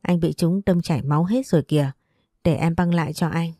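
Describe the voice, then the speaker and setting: A woman voicing a gentle, caring young woman in a storybook. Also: lowish voice, fairly even intonation, fairly quick, no room sound, studio quality, close to an everyday voice. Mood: tender.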